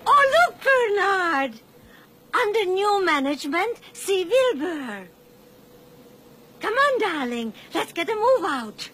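A woman voicing a genteel, excitable female mouse in an animated film. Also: very high-pitched, takes it slowly, a little hiss or hum, full character voice. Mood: excited, urging. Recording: film clip with music behind.

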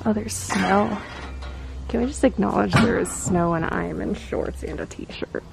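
A young woman vlogging casually at night, musing in a hushed, conversational way on a handheld camera. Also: medium pitch, unhurried, gravelly, over music. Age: young adult. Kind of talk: casual night vlog of a ghost hunt. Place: inside and outside an old hotel at night. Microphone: handheld camera at arm's length. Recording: noisy handheld camera, background hum.

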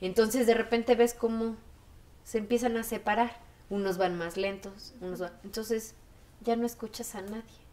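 A woman's voice: fairly high pitch, normal speed. A woman in her thirties with a Mexican accent, telling her story in a documentary interview and acting out the voices she quotes. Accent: Mexican Spanish. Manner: animated, acts out quoted voices.

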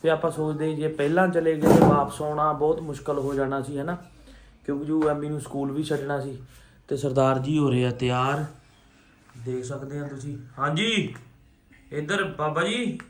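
A man's voice: on the high side, fairly even intonation, moderate pace. A man with a Punjabi accent, filming a casual home vlog and coaxing and reassuring a small child. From Punjab, India. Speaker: family vlogger. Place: indoors at home. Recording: echoey room, faint background hum.

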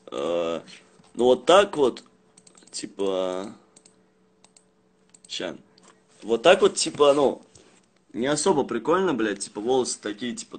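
A young man chatting casually on a livestream in rough, swear-heavy street slang, rambling and halting as he goes. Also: mid-range voice. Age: young adult. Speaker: live streamer. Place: small indoor room at home. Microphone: phone at arm's length.

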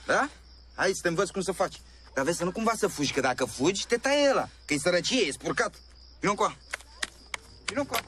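A brutal cocky pimp. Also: male voice, sits high, very animated, long pauses, noisy background. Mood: bossy. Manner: rough, bullying, threatening street talk. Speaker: pimp selling a young woman. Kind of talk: TV drama acting.

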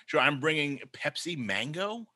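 Forceful, dry-sounding man with Brooklyn accent. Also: fairly high pitch, sing-song, moderate pace, dry recording. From Brooklyn, New York. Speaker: podcast guest, band singer. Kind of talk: casual chat. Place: indoor room at home, on a video call.

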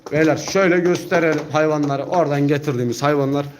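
A man's voice: on the high side, fast talker. A man talks like an auctioneer hosting a live pigeon sale, urging viewers to look. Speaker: pigeon auction host, seller. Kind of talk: live-stream sales patter to viewers. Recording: echoey room with faint noise.

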